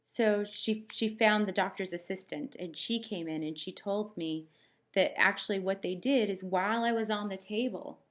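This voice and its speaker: A woman vlogger recovering from surgery talks casually to camera with a dry mouth, rambling through personal anecdotes and acting out quoted exchanges. Her voice is mid-range at a moderate pace.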